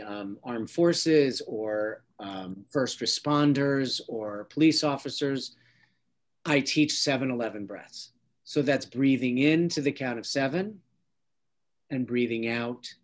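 A man, a psychologist, giving a calm instructional talk on stress and breathing techniques, guiding listeners step by step with frequent restarts. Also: mid-range voice.

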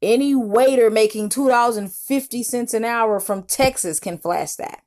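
A woman's voice: a little high, normal speed, darkish tone. A woman YouTube commentator giving mocking reaction commentary, talking scornfully and lecturing.

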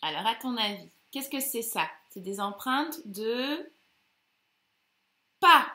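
A woman teacher giving a slow, emphatic phonics lesson to young children, stretching out each syllable. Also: mid-range voice, expressive, sharp tone, reverberant.

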